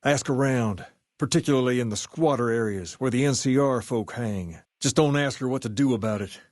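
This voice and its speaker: Guy playing cool southern gang boss from a video game, folksy drawl, lots of swagger, mid pitch, dry close sound. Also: moderate pace, darkish tone, no room sound, close to an everyday voice. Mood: laid-back, confident. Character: swaggering, folksy gang boss who idolizes a rock-and-roll singer. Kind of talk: video game character dialogue.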